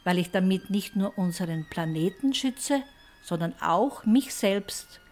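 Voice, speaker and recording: A woman's voice: mid-range voice, animated, measured pace, a little mellow. An older woman, a grandmother, giving an earnest, reflective scripted appeal as an elderly climate activist.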